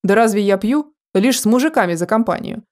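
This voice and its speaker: A woman voicing a chatty, boastful drunk man who talks in rough slang. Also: mid-range voice, lively intonation, brisk, darkish tone, close to an everyday voice.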